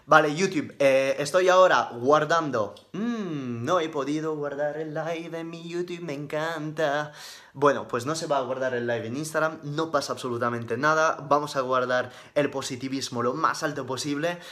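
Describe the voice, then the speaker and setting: Spanish guy doing a live q&a, slangy and upbeat, kinda high bright voice. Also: normal speed. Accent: Spain Spanish. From Madrid, Spain. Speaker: fitness live-stream host. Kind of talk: casual live-stream Q&A.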